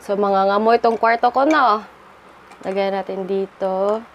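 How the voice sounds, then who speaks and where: A woman's voice: mid-range voice, moderate pace, muffled recording, a little hiss or hum. A woman with a Filipino accent, gushing through a casual unboxing vlog in her bedroom and mixing English with Tagalog. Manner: gushing, excitable exclamations. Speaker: vlogger.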